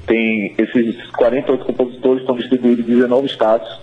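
A man's voice: mid-range voice, level tone, fast talker. A man with a Bahian Brazilian accent, speaking conversationally as a guest calling in to a radio interview. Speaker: phone-in guest, music project organiser. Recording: dull, band-limited remote call.

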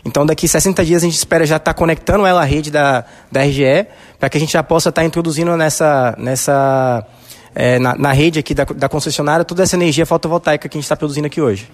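A man's voice: on the high side, steady tone, fast. A Brazilian man with a Brazilian Portuguese accent, a businessman answering a reporter confidently with many fillers. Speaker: solar energy businessman. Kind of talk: on-site news interview answers. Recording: echoey hall.

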